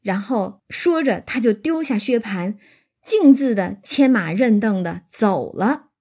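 Woman storyteller, husky and mellow, casual retelling with lively commentary. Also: on the high side, unhurried. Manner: lively, chatty asides to the listener. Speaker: storyteller and commentator on a classic novel.

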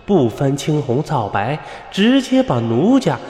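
A man's voice: on the high side, sing-song, measured pace, a little mellow, echoey room, big-room sound. A man voicing a wronged young woman who speaks coyly and reproachfully in a spoken ghost story.

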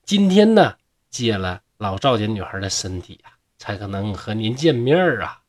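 A man voicing a soft, sorrowful young woman ghost. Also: sing-song. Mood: tearful. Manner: soft, low and slow, drawn-out sighs.

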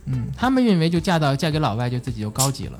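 Quick, animated woman guest, mid-pitch voice, music in the background. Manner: lively, animated storytelling. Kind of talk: casual chat.

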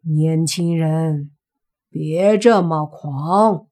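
A woman reading an audiobook and voicing a stern, proud middle-aged father who speaks gruffly and scolds slowly and weightily. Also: lowish voice, full character voice.

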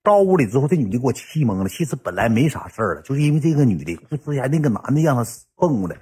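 A man with a Northeastern Mandarin accent telling a story casually, in colloquial, lively speech with the odd swear word. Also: medium pitch, racing, husky.

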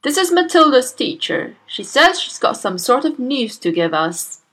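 A woman's voice: sits high, sing-song, moderate pace, fairly bright tone, breathy edge, voice pushed up, full character voice, rough recording. A woman voicing a brash, impatient middle-aged father who snaps and blusters. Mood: irritable. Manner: snappy, blustering.

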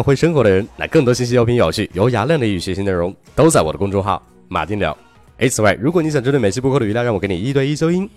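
Lively, fast-talking male English teacher. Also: on the low side. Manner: upbeat, spells words out letter by letter and repeats them slowly. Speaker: English teacher and podcast host. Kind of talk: podcast English lesson.

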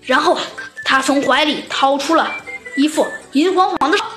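A woman narrating a children's audio story in a lively, chatty way. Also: high voice, normal speed. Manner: lively, chatty with filler particles. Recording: echoey room with background music.

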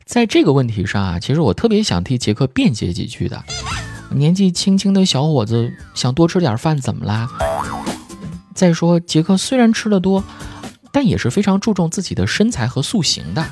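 A male comedy host tells stories in a playful, scripted style. His pitch swings about with a lively, animated bounce. Clear background music runs under his voice. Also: moderate pace. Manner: playful, animated joke-telling. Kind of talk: scripted comic storytelling. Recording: music bed behind voice.

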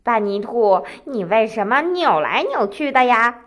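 A woman's voice: on the high side, sing-song, a little slow, fairly bright tone, exaggerated voice. A woman voicing a cunning storybook fox. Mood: suspicious.

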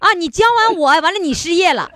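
A woman's voice: extremely high pitch, animated, rapid-fire, a bit bright, no echo, studio quality. A woman hosting a call-in radio show, teasing her callers and laughing a lot. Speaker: radio host.

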